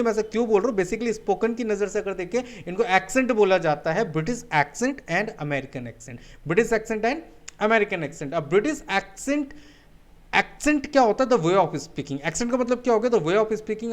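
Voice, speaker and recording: With an Indian accent and a voice that sits high, a man leads a spoken English webinar lesson. "My dear friend" comes up again and again as he mixes Hindi into his English and answers his own rhetorical questions.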